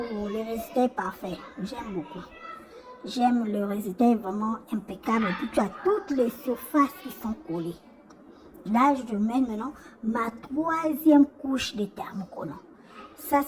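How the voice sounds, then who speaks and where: Higher-pitched woman, noisy recording. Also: darkish tone. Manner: repeats words and phrases often. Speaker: sewing tutorial host. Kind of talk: casual spoken demonstration.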